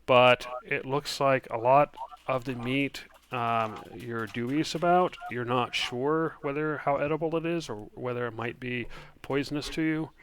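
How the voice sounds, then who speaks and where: A man narrating as game master, describing actions and dice rolls in a relaxed way with many fillers. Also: mid-range voice, a little slow.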